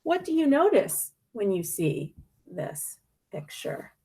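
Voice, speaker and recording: A media specialist reads a picture book aloud in an animated, expressive way, her slightly high voice carrying a creaky edge. She is deliberate, landing dramatic emphasis with pointed questions and pauses.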